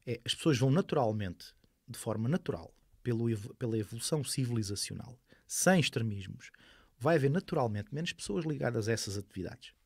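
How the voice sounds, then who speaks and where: Animated and a little fast, with vocal fry in his mid-range voice, a thirtysomething sport shooter with an Alentejo Portuguese accent chats as a podcast guest, using examples to explain things casually. A close studio mic in a small foam-padded room gives clean, echo-free sound.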